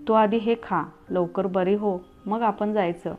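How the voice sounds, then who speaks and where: A woman's voice: medium pitch, fairly even intonation, a little slow, lightly acted. A woman voicing an angry young husband and father who talks in a harsh, commanding way. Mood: gentle. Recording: tinny phone-like audio, faint music.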